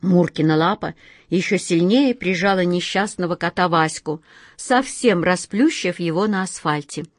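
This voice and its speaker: A woman's voice: fairly low pitch, moderate pace, no room sound, studio quality. A woman narrating a children's story expressively, speaking directly to her listeners.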